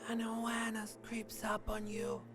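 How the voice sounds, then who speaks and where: An actor in a video game playing a creepy, taunting inner voice of the limbic system, hissing into whispers. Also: male voice, sits high, completely flat delivery, normal speed. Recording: loud music under the voice.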